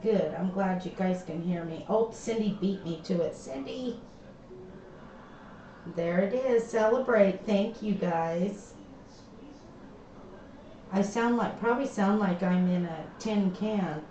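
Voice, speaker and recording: Slow-talking woman sounding inside a tin can. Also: mid-range voice, warm tone. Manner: slow, chatty, trailing off mid-sentence. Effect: hollow tinny sound, like inside a tin can. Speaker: livestream host. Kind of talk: casual livestream chat while crafting. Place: home craft room. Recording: echoey, dull lo-fi stream audio with faint background noise.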